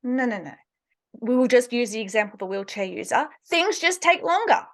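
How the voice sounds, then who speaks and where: A woman's voice: on the high side, sing-song, a little fast, fairly bright tone. A woman hosting an interview podcast, asking questions and explaining her points emphatically. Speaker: podcast host.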